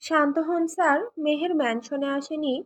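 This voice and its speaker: Steady, deferential male assistant in a romance audiobook, read by a woman; high voice. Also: normal speed, natural voice. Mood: calm. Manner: calm, polite. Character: calm loyal male assistant.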